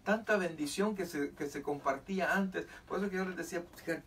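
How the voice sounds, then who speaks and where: A man's voice: sits high, a little fast, fairly bright tone. A man preaching a sermon as pastor of a church, fervent with emphatic rises. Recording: distant mic with faint noise.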